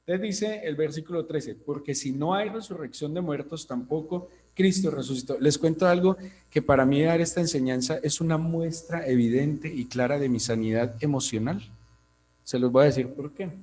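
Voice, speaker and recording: Colombian preacher with a guttural R. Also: male voice, normal speed, a little mellow. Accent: Colombian Spanish. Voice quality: guttural R from a tongue-tie. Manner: emphatic rhetorical questions, rising to high peaks. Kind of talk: sermon.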